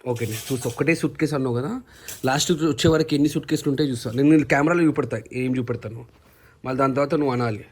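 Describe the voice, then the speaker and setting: A man's voice: medium pitch, very fast, slightly rough. A man, chatting casually with his family and scolding and coaxing a crying child. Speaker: vlogger, father.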